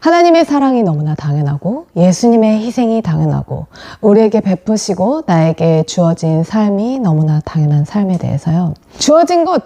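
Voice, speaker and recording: A pastor's wife giving a devotional talk, telling stories in a gentle, earnest and expressive way. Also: female voice, mid-range voice.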